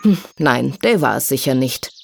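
A woman reading a children's story aloud in an expressive, sing-song way. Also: rumbling low, moderate pace, vocal fry, a little hiss or hum.

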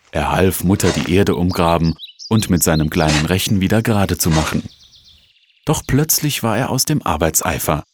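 A man narrating a children's story in a slow, measured storytelling manner. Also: sits low, a little hiss or hum.

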